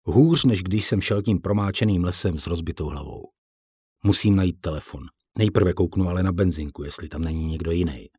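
A man's voice: deep voice, dark tone, breathy edge, dry recording. A man narrating an audiobook in the first person, in a blunt, colloquial way with casual swearing.

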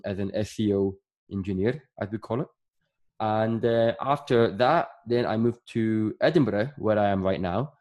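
A man's voice: lowish voice, a little mellow. A man in his thirties from Northern Ireland, a podcast guest chatting casually and rambling with many fillers. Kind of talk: casual interview chat.

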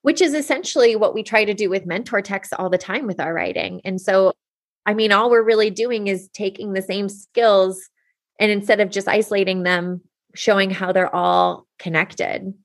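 A young adult woman teacher, a podcast guest, telling classroom stories in an animated way and laughing often. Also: mid-range voice, normal speed. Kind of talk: conversational interview.

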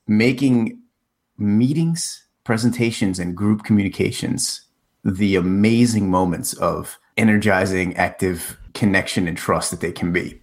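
A reflective American man in his forties with a low voice appears as a guest in a casual conversational interview, recorded in the Czech Republic. He works as a corporate communication coach and talks with lots of fillers and restarts.

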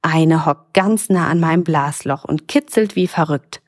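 A woman's voice: deep voice, a little slow. A woman voicing a friendly, playful dolphin.

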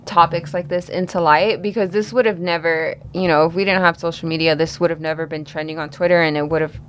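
A woman's voice: fairly low pitch, steady tone, quick pace, slight background noise. A woman co-hosting a conversation in a casual, conversational style. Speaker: podcast co-host.

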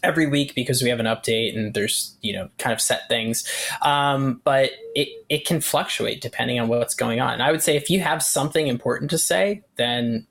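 A man's voice: medium pitch, normal speed, creaky, fairly bright tone. A man giving casual, explanatory advice as an interview guest, talking conversationally and acting out little example lines. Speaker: guest email marketing expert.

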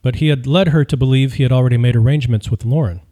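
A man reading a true-crime audiobook in scripted narration, measured and even. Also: mid-range voice.

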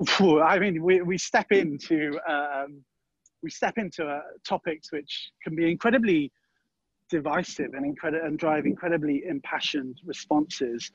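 A man's voice: on the high side, moderate pace, slightly rough, no echo, muffled recording. A man being interviewed, talking in a thoughtful way, often restarting and weighing both sides. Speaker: guest. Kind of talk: interview conversation.

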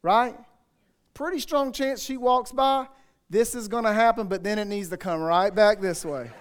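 A man's voice: high-pitched, moderate pace, clean tone. A male pastor preaching a sermon in a conversational, joking way with asides to the congregation.

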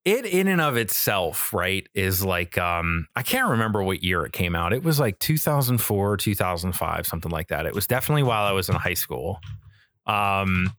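An American podcast co-host in his thirties chats casually, enthusiastic and rambling, swearing freely. His voice sits on the low side with a sharp tone. The studio-quality recording has no echo.

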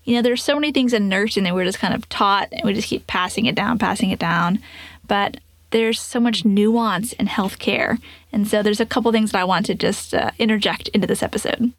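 A woman's voice: mid-range voice, fairly quick, no room sound. A woman in her forties, a nurse hosting a podcast, telling a patient story and teaching in an earnest, explanatory way with rhetorical questions.

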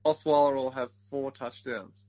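A man co-hosting a casual sports podcast, jokey and quick to laugh as he plugs an event. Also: mid-range voice, fairly even intonation, dark tone, dull audio, slight background noise. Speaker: podcast co-host.

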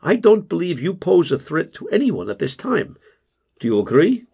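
A man voicing a calm, soft-spoken male group therapist who speaks in a measured, gently probing way. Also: fairly high pitch, creaky, husky, voice pushed up, exaggerated voice.

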